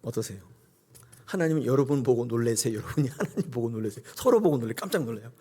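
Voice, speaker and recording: A middle-aged male pastor preaching a sermon and acting out scenes with sudden high cries. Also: fast talker, slightly rough. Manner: animated, acts out God's voice with sudden high cries.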